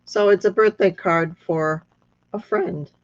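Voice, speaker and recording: A woman with a thin, squeaky, reedy voice casually hosting a hands-on craft demonstration, thinking aloud as she goes. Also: a little hiss or hum. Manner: unhurried, thinking aloud with pauses. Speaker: craft tutorial host. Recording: dull lo-fi sound.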